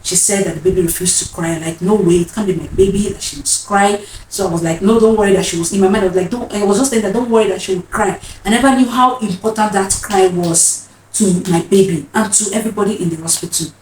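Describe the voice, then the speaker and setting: Talking fast in a mid-range, darkish voice, a 30-something woman vlogger shares a personal story with earnest emotion and frequent repeated phrases. Her recording is roomy, with a distant mic and a bit of noise.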